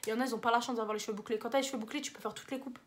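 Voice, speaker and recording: A young woman chats to camera with a French accent, rambling through slangy advice and teasing herself along the way. Her voice sits a little high and the words tumble out fast. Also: fairly even intonation. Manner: rambling, slangy, self-mocking. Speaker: vlogger. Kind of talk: casual advice vlog.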